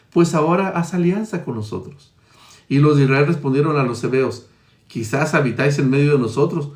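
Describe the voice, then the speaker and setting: A man preaches a sermon, reading Scripture aloud and pressing his points with sudden swings between loud and quiet. His voice sits at an ordinary middle pitch. The sound has a noticeable roomy echo.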